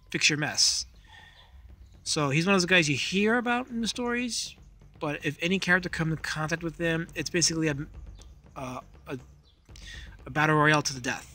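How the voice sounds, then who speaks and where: Man, slightly high pitch, bright forward tone, casual drawing commentary, hesitant, thinking aloud, unscripted. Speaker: comic artist, video host. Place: outdoors.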